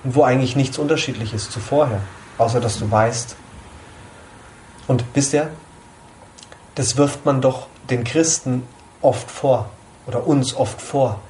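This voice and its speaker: A man's voice: mid-range voice, unhurried, pauses often, darkish tone, a little hiss or hum. A man giving an informal sermon to a small group, conversational, often asking his listeners questions. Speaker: preacher at a small church group.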